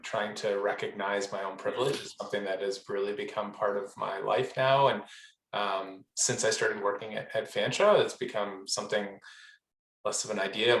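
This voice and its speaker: A man's voice: fairly low pitch, a bit bright, roomy sound, slight background noise, poor audio. A man taking part in an online workshop discussion, speaking reflectively and hesitantly with frequent ums, over a video call. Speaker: program participant.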